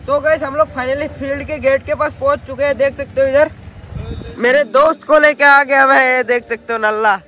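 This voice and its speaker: A man's voice: very high voice, steady tone, brisk, pushed and bright, faint music behind. A man hosting a casual vlog outdoors at a stadium site, chatting to viewers and calling them guys. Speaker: vlogger host.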